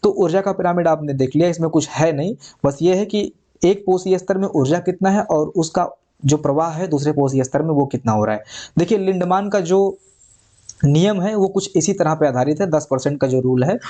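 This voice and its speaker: A male teacher walks students through an exam prep lesson, returning to each point and checking in with them often. His voice sits a little high but sounds mellow and soft. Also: a little fast. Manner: repeats points, checks with "ठीक है". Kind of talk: online exam lecture.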